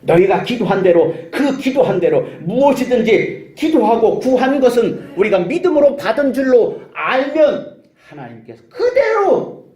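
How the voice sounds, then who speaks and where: A man's voice: extremely high pitch, big pitch swings, unhurried, a little mellow. A male pastor preaching a sermon, emphatic and full of rhetorical questions and calls of hallelujah. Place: church sanctuary. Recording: echoey church sanctuary.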